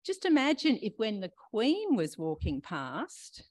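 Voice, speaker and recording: An older woman preaching a gentle, reflective sermon, talking straight to her listeners and asking them questions. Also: fairly high pitch, huge pitch swings, measured pace, dry recording. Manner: warm questioning, talks to listeners directly.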